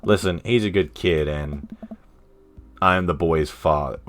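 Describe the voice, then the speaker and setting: A man with a very deep voice plays through a dating game on stream. He reads the lines aloud with a playful, jokey touch and tosses in quick voices for the characters, over a faint background hiss. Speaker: streamer playing a dating sim. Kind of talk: reading game dialogue aloud with commentary.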